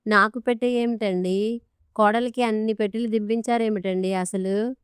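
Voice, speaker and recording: Woman doing a distraught old mother-in-law, pleading, flat and smooth. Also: mid-range voice, moderate pace, dry recording, clean studio sound, close to an everyday voice. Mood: shocked. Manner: pleading, lamenting.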